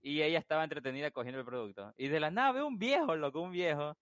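A young man, telling a story in a casual chat, animated and swearing freely. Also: fairly high pitch, fast, dry recording. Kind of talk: casual anecdote telling among friends.

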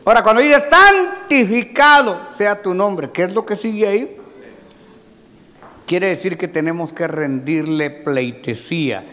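A man preaching a sermon in a church hall, swinging from loud shouting to quiet asides, calling his listeners "brother" with folksy humor. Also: sits high, animated, unhurried. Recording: long hall reverb, faint crowd.

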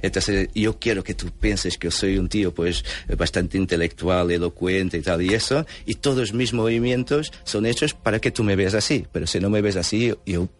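A very deep-voiced man, a guest on a radio interview. He explains patiently and calmly, pausing on fillers and checking in with little tag questions as he goes. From Angola, raised in Portugal. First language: Portuguese. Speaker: Buddhist lama, guest.

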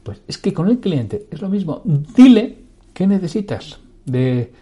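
A sales trainer leads a lesson in a lively, swinging voice that sits a little high for a man. His tone is warm and mellow. He asks rhetorical questions and then answers them himself, speeding up and slowing down on purpose. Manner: animated, shifts pace, pitch and loudness on purpose.

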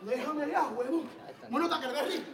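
An actor playing a brash, teasing young police cadet in a comedy sketch, loud and mocking, calling everyone "papi". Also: male voice, very high-pitched, fast talker. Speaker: police academy recruit. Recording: echoey distant room with crowd.

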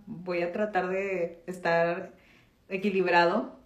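A woman's voice: on the low side, level tone, slow, a little hiss or hum. A woman chatting as co-host, teasing and thinking aloud with fillers. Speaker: podcast co-host. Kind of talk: casual chat. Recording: roomy echo.

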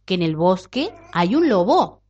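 A woman voicing a gentle, cautious mother giving her daughter a warning in a storybook tale. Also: fairly low pitch, sing-song, measured pace. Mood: caring. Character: kindly, cautious young mother. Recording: dull lo-fi recording.

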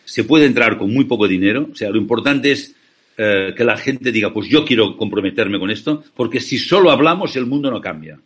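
A man's voice: fairly low pitch, expressive, fairly quick, a bit bright, husky. A man from Spain, an ethical banking founder, giving passionate, persuasive interview answers over a remote call, often asking rhetorical questions.

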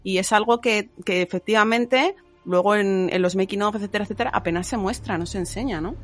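A woman's voice: mid-range voice, fairly quick, soft background music. A woman explaining things informally as a co-host, often checking with tag questions. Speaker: podcast co-host. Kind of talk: casual explanatory chat.

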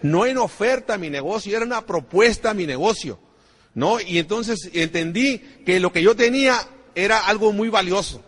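High-voiced man in a reverberant hall. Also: animated, normal speed, fairly bright tone. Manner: repetitive, asks the crowd rhetorical questions. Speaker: network marketing trainer. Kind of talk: motivational talk to an audience.

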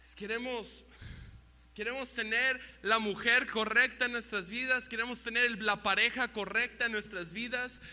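A young man preaching a sermon, telling stories with shouted sound effects and mimicry, in a reverberant church hall with a faint hum. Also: very high voice, steady tone, moderate pace. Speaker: youth pastor.

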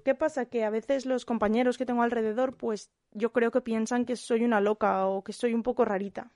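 A young woman from Spain with a Spanish accent, a kindergarten teacher giving a calm, reflective monologue with frequent hesitant restarts. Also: fairly high pitch, fairly quick, no echo, clean studio sound.

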